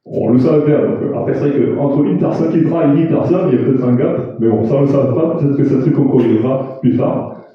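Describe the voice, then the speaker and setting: A man's voice: medium pitch, fast talker. A man presenting results at a data visualization awards event in a casual, self-mocking way, with many fillers and restarts. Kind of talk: casual live presentation with jokes. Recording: echoey room from far off, dull sound.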